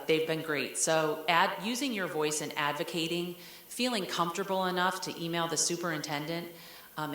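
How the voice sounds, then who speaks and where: A woman's voice: sits low, a bit bright. A woman superintendent giving a speech, telling a story in a conversational way with fillers. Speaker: school superintendent. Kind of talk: speech to an audience. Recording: roomy hall sound.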